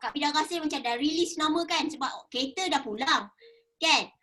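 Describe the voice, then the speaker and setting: Lively high-voiced Malaysian woman storyteller. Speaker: network marketing speaker. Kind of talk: casual coaching talk.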